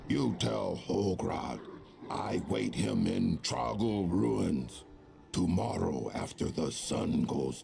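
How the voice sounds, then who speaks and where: A sneering orc chief from a fantasy game. The voice is bottomless and thick with gravel. He drags out menacing, broken English slowly. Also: sits low, warm tone, exaggerated voice. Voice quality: very gravelly, guttural. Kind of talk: scripted fantasy game dialogue.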